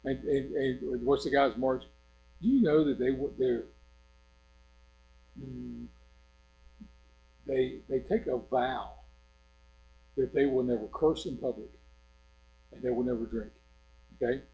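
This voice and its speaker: A man's voice: mid-range voice, takes it slowly, vocal fry, pauses often, lo-fi sound, slight background noise. An older man preaching an informal sermon in a church, rambling in a conversational way and often checking in with his listeners.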